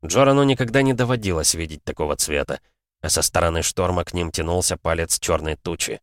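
A man's voice: deep voice, brisk, no echo, studio quality. A man narrating a fantasy audiobook in a dramatic storytelling manner.

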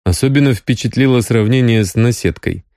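Man doing a calm wry guy, gentle teasing, mellow warm voice. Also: medium pitch, brisk, dry recording, clean studio sound, voice pushed up, natural voice. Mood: wry, tender. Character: grown man, dry-humoured, gently teasing lover.

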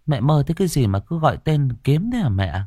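A man's voice: on the high side, big pitch swings, brisk, mellow, dry recording, studio quality, voice pushed up. A man voicing a cheerful young adult daughter who teases her mother, in a ghost story. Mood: teasing. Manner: light, teasing.

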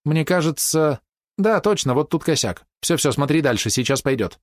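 A man's voice: on the high side, animated, moderate pace, no echo, studio quality, voice pushed up, close to an everyday voice. A man voicing a sardonic, laid-back young woman engineer who drawls snarky replies.

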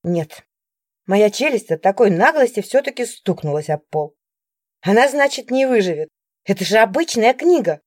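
A woman reading a first-person audiobook in an expressive storytelling manner. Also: medium pitch, moderate pace, no echo, studio quality. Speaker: audiobook narrator.

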